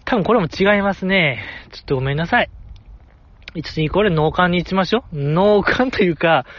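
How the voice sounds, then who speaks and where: A man's voice: sits high, brisk, highs cut off. A man with a Kansai accent hosting a solo podcast in casual chat, rambling, correcting himself and apologizing often. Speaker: podcast host.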